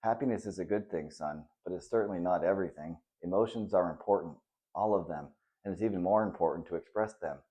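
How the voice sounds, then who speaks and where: A man reading the part of a kind, patient father who talks softly and reassuringly to his son in a children's story. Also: low-pitched, fast talker, natural voice. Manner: soft and reassuring.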